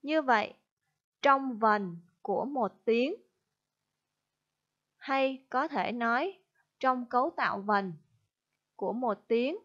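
A Vietnamese woman, a primary school teacher, explaining a spelling lesson slowly and carefully, syllable by syllable. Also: on the high side, fairly bright tone, muffled recording. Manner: slow, careful dictation-style explanation. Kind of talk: recorded online spelling lesson.

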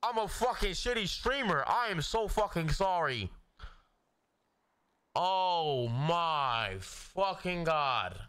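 Streamer guy on headset audio, cussing and apologizing, pitch jumping all over, slow drawn-out talk. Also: very animated, a bit bright, clean tone. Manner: flustered, profane, apologetic exclamations. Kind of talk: casual livestream chatter.

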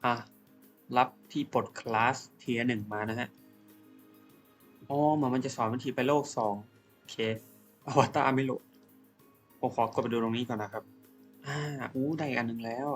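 A young man casually commentating his own video game play, excitable, calling out attack names and humming along in fights. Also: mid-range voice, normal speed, pauses often. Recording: game music behind the voice.

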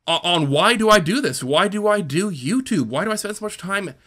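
A man who runs a gaming channel, speaking in a candid personal monologue, earnest and reflective with halting restarts. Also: high voice, animated, bright, forceful tone. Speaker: gaming YouTuber.

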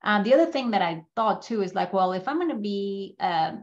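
Fairly quick and expressive, her mid-range voice has a slightly mellow quality, though the audio is dull. The middle-aged speaker, from Mexico City, addresses a business school as a guest, sharing her life story in a casual slide presentation over a video call microphone in an indoor room and checking in with listeners often.

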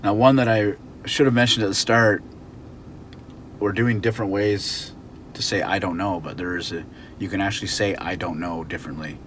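A man's voice: sits low, fairly even intonation, normal speed, noisy background. A man giving a casual English lesson, chatty, acting out little example scenes. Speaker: English teacher. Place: outdoors near a car.

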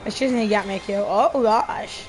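A woman casually commentating her gameplay on a stream, with loud sudden outbursts at the game and slangy talk. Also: mid-range voice, normal speed, music in the background, rough recording.

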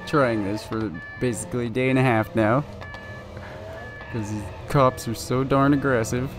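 Male gameplay commentator, measured slow delivery, fretful and pleading, music playing underneath. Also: mid-range voice, creaky. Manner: anxious, pleading, keeps urging the car on. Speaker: gaming video creator.

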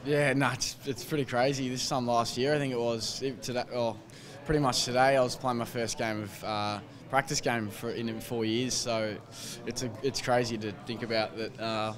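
A young adult man from Australia, a footballer, speaks after the match into the interviewer's handheld microphone by a sponsor wall in the team rooms. His medium-pitched voice has fairly even intonation and a moderate pace with few pauses, yet he's hesitant, with many fillers and restarts, and the crowd can be heard behind.

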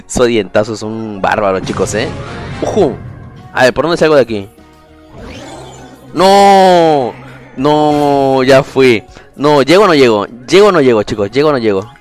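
Male gamer streamer, mid-range voice, talks straight to his chat, loud exclamations, faint music behind. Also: mid-range voice, normal speed. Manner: chatty, addresses viewers directly, bursts into excited exclamations. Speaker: gaming streamer. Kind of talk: casual livestream commentary.

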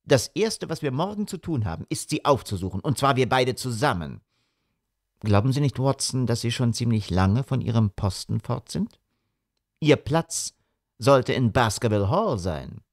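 A man's voice: medium pitch, expressive, normal speed, no room sound. Intense commanding detective, read by a man, grave, urgent, dry read. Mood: instructive. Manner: grave, urgent, hushed to shouting. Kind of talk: audiobook character reading.

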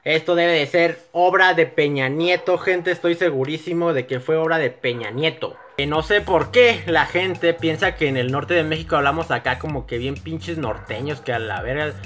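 A man's voice: on the high side, normal speed, hardly any pauses, a bit bright. A young man from northern Mexico with a northern Mexican accent, doing crude, joking gameplay commentary on a headset at home. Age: young adult. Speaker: gaming YouTuber. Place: home room at night.

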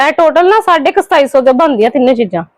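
A woman acting a scheming younger sister-in-law in a home drama skit, quick and defensive while sweet on the surface. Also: high-pitched, animated, no room sound. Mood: pleading. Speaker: actor in a family skit.

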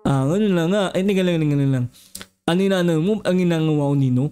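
A giant bee in a Minecraft role-play, voiced by a YouTuber, grumbling in a low, garbled mumble that is hard to make out. The voice is smooth and clear despite the slurred words. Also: fast, dark tone, lightly acted.

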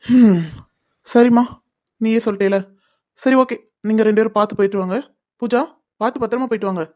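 An earnest young man in a cartoon serial, a little high for a guy, as a woman voices him. He pleads and explains himself, sounding defensive and baffled. His voice sits on the higher side. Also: fairly even intonation, a little fast, darkish tone, close to an everyday voice. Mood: reasoning.

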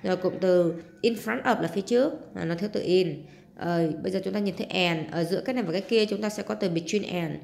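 A woman with a Southern Vietnamese accent acts as a teacher, walking through homework and translating English words step by step while adding sentence-end particles. Her voice sits on the low side, fast, gravelly and a little mellow.

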